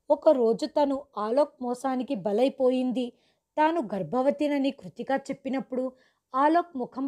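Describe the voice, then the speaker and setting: A woman narrates a dramatic story in a steady, scripted delivery. Her voice is high, yet dark and mellow in tone.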